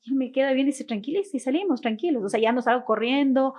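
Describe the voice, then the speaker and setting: A woman's voice: high voice, quick pace, darkish tone. A woman guest, an author and mother, speaking earnestly and spiritually in an interview, telling stories with quoted speech. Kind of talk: heartfelt interview talk.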